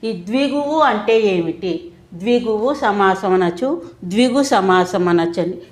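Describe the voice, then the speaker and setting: A woman's voice: mid-range voice, lively intonation, measured pace. A middle-aged woman with a Telugu accent teaching a grammar lesson, who asks questions and answers them herself while repeating the key terms.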